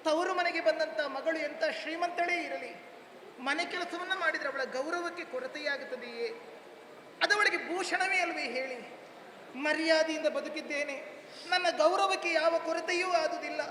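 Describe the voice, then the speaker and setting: Gentle devoted young queen played by a male actor, tearful ornate declamation, live hall with crowd noise. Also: very high voice, normal speed. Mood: earnest. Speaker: stage actor in a female role. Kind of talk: Yakshagana theatre dialogue. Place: temple stage, live performance. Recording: echoey hall, noisy live ambience.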